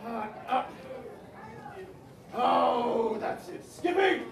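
A woman playing a bossy, playful pirate captain on stage, booming and teasing the audience in a live show. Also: animated, very slow, gravelly, crowd noise, background noise, exaggerated voice. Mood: drilling recruits. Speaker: stage actor. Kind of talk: live interactive theatre. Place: indoor theatre, live audience. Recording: echoey hall from far off with audience.

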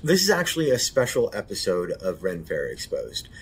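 A man hosting his own show, speaking softly and hesitantly with many pauses and fillers. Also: sits low, huge pitch swings, husky. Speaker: podcast host. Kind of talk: casual spoken introduction.

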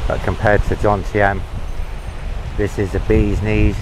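A man giving a relaxed, chatty running commentary while he walks outdoors along a beach promenade, filming his own travel vlog. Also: lowish voice, measured pace. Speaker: travel vlogger. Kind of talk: walk-and-talk travel vlog. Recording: wind and outdoor noise on the mic. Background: sea, wind and passing traffic.

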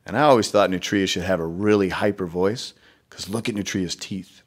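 A low-voiced man reads a children's storybook at a normal speed, giving it expressive life. Along the way he turns to chat with the young listeners in conversational asides.

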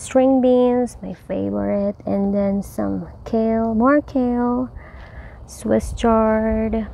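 A woman with a mid-range, dark-toned voice walks viewers through her backyard garden, cheerful and chatty. She's a home gardener recording outdoors with a handheld phone camera.

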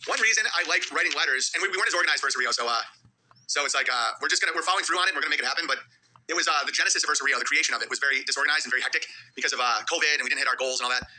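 A man's voice: fairly high pitch, pushed and bright, low-quality recording. A man hosting a livestream, reading viewer letters aloud and ranting in a combative, profane way. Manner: fast, combative, profane, reads donor messages aloud. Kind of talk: rapid, heated livestream rant.

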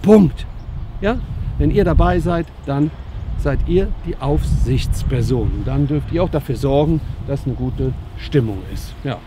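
A man who works as a dog trainer, giving lively casual commentary outdoors as he talks to the dogs and to his viewers. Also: mid-range voice, a little slow, background noise.

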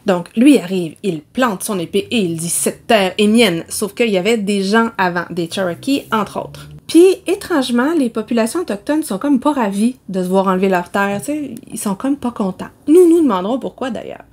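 A woman's voice: medium pitch, expressive, moderate pace, few pauses, a little mellow. A woman with a Québécois accent, chatting casually about new novels as a book vlogger, self-mocking and laughing often. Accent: Québécois French. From Quebec.

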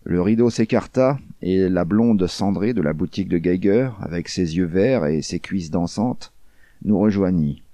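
Low, dark-voiced male reader, deadpan crime audiobook narration, dry sound. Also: a little slow, dry recording. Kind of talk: scripted first-person crime narration.

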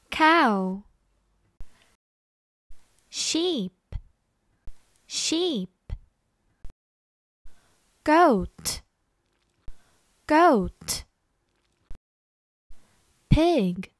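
Woman reading words aloud very slowly. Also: high-pitched, dry recording, studio quality. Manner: says each word or phrase twice, clearly and with exaggerated expression. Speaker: English reading teacher. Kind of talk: slow read-aloud drill for repeat-after-me practice.

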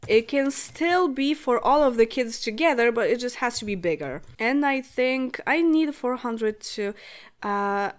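A woman in her late twenties, Polish by birth, talks through a game in English as a relaxed let's-play host. Her voice sits somewhat high and she speaks at an unhurried pace. She thinks aloud in a chatty way and giggles often. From Poland. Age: late 20s. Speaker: gaming channel host.

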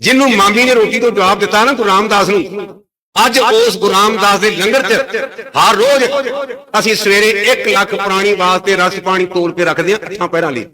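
A man preaching a religious sermon, speaking loudly and emphatically and slowing down to intone scripture verses. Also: sits high, fairly even intonation, crowd noise. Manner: loud emphatic delivery. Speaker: Sikh preacher giving katha.

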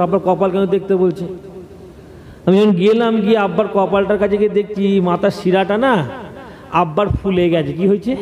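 High-voiced male preacher, lo-fi sound. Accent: West Bengal Bengali. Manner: often asks the audience "do you understand?"; acts out quoted voices of his father and others. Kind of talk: waz sermon storytelling. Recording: dull lo-fi recording.

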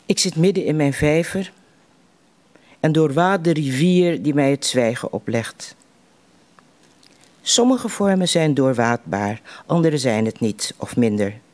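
A man reciting poems in a slow, measured way, with deliberate pauses between lines. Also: fairly high pitch, animated, a little mellow. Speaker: poetry reciter at a literary evening.

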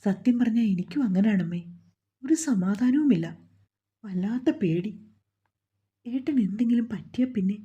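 A frightened young pregnant woman, played by a woman storyteller speaks plaintively, pitched a little higher, with a dark, breathy tone. The recording is dull and lo-fi. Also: lively intonation, measured pace, pauses often. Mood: tearful, afraid. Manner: plaintive, fearful.

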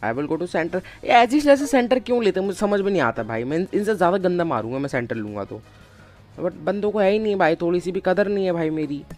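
A man streaming a mobile game live, chatting with viewers and calling out to teammates, with bursts of excited shouting. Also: sits high, fairly quick, soft background music. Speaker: gaming streamer. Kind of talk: casual live game commentary.

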